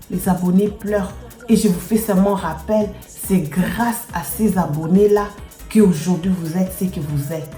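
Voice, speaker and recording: Her voice is medium in pitch and dark in tone. This YouTuber, who has a Congolese French accent, addresses subscribers in a laid-back vlog, sounding emphatic, repetitive and jokingly boastful, with music behind her in an echoey room.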